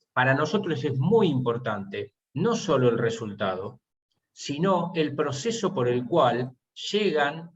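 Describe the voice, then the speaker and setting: A man, a university teacher, explaining his course methods in an online seminar and posing rhetorical questions. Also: medium pitch. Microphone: video call. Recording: muffled video call audio.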